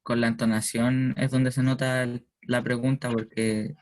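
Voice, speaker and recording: A man's voice: medium pitch, flat delivery, measured pace. A man student answering in an online class over a video call, tentatively thinking aloud.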